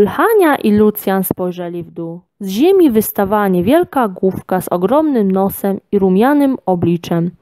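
A woman reading a children's storybook aloud in an expressive, measured way. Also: medium pitch, dry recording. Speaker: reader.

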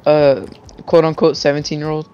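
A man's voice: on the high side, lo-fi sound, a crowd in the background. A young man teasing his friends over a voice call while gaming. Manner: lively, teasing, quick to laugh. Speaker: gamer in voice chat. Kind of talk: casual gaming chat.

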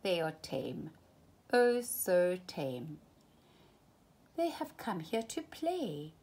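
A woman's voice: lowish voice, very animated, very slow, a little mellow, husky, exaggerated voice. A woman voicing an unruffled, playful trickster tomcat from a storybook, reassuring like a confident showman. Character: unruffled, playful male trickster cat in a hat.

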